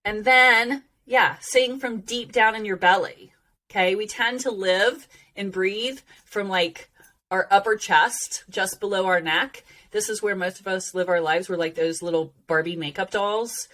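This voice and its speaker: A woman's voice: medium pitch, a bit bright. Female voice coach, mid-range, informal and emphatic teaching delivery, noticeably prolonged sibilant s. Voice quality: drawn-out sibilant s sounds. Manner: emphatic, encouraging, checks in with "okay". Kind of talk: informal self-help teaching.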